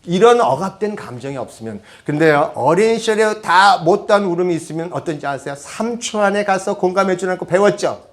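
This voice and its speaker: A man's voice: high-pitched, lively intonation, brisk. A man giving a public lecture on parenting, speaking conversationally and often asking the audience rhetorical questions. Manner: switches to half-banmal, conversational asides.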